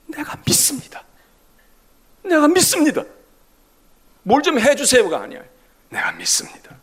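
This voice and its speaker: Dramatic high-voiced Korean preacher. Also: male voice, vocal fry, husky. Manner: dramatic preaching, acting out quoted voices, swings from loud to whispered. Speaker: senior pastor. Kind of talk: sermon.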